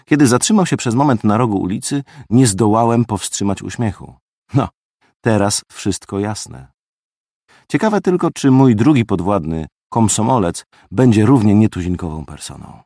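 A man reading a first-person audiobook story with lively, expressive delivery. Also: lowish voice, moderate pace, dry recording, studio quality. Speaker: audiobook narrator.

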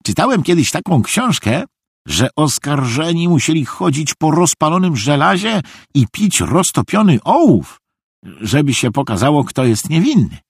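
A naive, good-natured middle-aged soldier, put on by a man reading an audiobook, talking in a high, bouncing, earnest voice that rambles on. The tone stays husky and close, with no room around it. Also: sing-song, normal speed, dry recording, heavily acted. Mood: chatty. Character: cheerful simple-minded middle-aged male soldier, earnest.

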